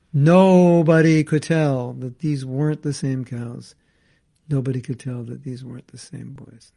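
Reading scripture passages aloud, a man then explains them through casual asides as he teaches his class. He has a warm, mid-range voice touched with vocal fry.

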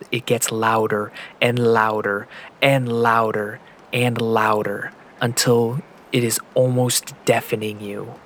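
A man's voice: medium pitch, a bit bright, a little hiss or hum. A man running a tabletop role-playing game as game master, narrating in second person and building suspense with repeated words. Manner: descriptive, builds suspense with repetition.

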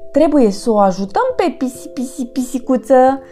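A woman acts out a clumsy, good-natured young male puppy from a storybook who trips over his words when he gets excited. The voice is pitched high and bounces with lively rises and falls. It has a soft, mellow tone. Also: faint music behind. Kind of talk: storybook reading.

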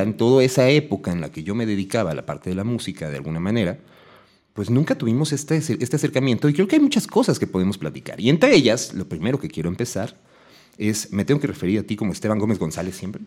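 A quick-talking man, hosting a relaxed conversation. He rattles through his questions, drops in constant little agreements, and keeps the talk moving. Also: on the low side. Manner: quick, chatty, frequent filler agreements. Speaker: podcast host. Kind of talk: casual conversational interview.

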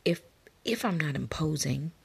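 A woman's voice: lowish voice, very animated, measured pace, vocal fry, breathy edge, exaggerated voice. A woman voicing a shy, polite female stork who hesitates and speaks graciously, in a read-aloud storybook. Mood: timid.

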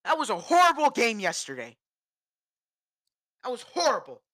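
Agitated woman ranting, bright voice. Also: a little high, huge pitch swings, moderate pace, no room sound, clean studio sound. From New England. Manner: agitated, repetitive, exasperated. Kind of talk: ranting sports vlog.

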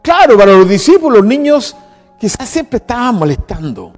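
A Chilean man in his sixties preaches with a high, swooping voice, driving his points home through emphatic repeated lists. His sermon rings out in a church hall with a long reverb, and soft music plays behind him. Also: big pitch swings, normal speed. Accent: Chilean Spanish. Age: 60s. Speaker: pastor.

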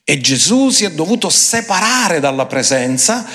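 A man preaching a sermon emphatically, switching between quick phrases and slow, drawn-out ones. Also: fairly high pitch, very animated, sharp tone. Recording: long hall reverb.

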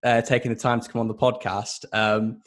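Host: twenties man, faded Yorkshire accent, lowish flat delivery, hesitant. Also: a little fast. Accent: faded Yorkshire, mostly southern English. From Yorkshire, England. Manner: hesitant, many ums and restarts. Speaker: podcast host. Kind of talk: casual interview chat.

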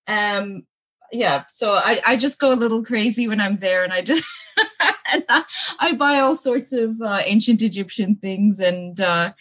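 A woman's voice: medium pitch, a little slow, a bit bright. A young woman with a mixed, hard-to-place accent, chatting casually as an interview guest, laughing often and using many fillers. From Middle East (Kuwait). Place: bungalow room with books at her parents' home.

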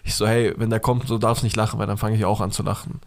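A man's voice: fairly low pitch, flat delivery, fast. A man, co-hosting a podcast and telling a funny story in playful, slangy chat. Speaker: podcast co-host.

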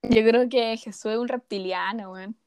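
High-voiced young Chilean woman, slangy. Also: fairly even intonation, normal speed, a little mellow, clear, resonant tone, dry recording. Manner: joking, slangy, laughs often. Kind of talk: casual chat.

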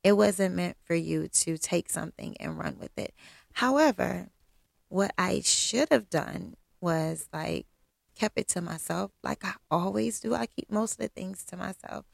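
A middle-aged woman telling a personal story to her viewers, blunt and self-assured, often pausing on "um". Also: lowish voice, vocal fry, no echo, studio quality. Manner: blunt, candid, self-assured straight talk with frequent ums.

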